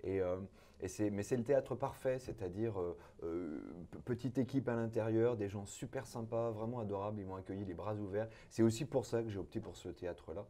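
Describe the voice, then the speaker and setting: A man, a cabaret performer, guests on a casual interview show. His voice sits a little low, and he talks animatedly, repeating words for emphasis. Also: fairly quick, warm tone.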